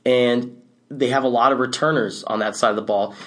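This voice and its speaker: Man, sports podcast co-host, casual football chat, relaxed, restarts, quick laughs. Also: medium pitch.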